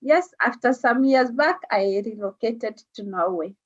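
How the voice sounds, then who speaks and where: A woman's voice: a little high, lively intonation, measured pace. A woman from Kenya with a Kenyan accent, a guest talking casually in an interview, hesitant with many fillers and easy laughs. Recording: dull lo-fi sound.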